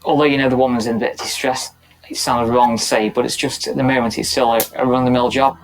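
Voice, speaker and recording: A middle-aged man, a police officer recounting a night shift in a documentary interview, in a steady, matter-of-fact way. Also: medium pitch, fast, a crowd in the background, poor audio.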